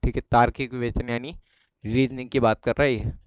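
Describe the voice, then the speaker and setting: A man's voice: medium pitch, level tone, fairly quick, clear, resonant tone, no echo. A man with a Rajasthani Hindi accent explaining an exam syllabus in a chatty lesson, often checking that his students follow. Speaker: exam prep teacher.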